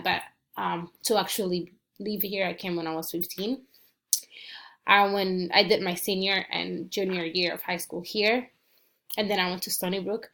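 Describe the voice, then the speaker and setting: A student in her twenties from the Dominican Republic narrates a casual screencast walking through her personal website. Her medium-pitched voice is a bit bright, and she comes across earnest and relaxed, with frequent ums and small restarts.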